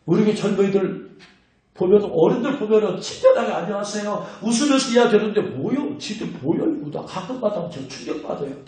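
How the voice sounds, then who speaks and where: A man preaching in a high, lively voice that swings up and down as he scolds and teases his listeners. The sound rings through a very echoey church hall. He talks straight at the congregation, like a pastor who knows them well. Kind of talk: sermon. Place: church sanctuary.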